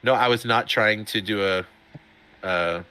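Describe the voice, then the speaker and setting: A middle-aged man giving chatty, excitable sim racing commentary, often laughing. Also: on the low side, unhurried, clean tone. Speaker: race commentator.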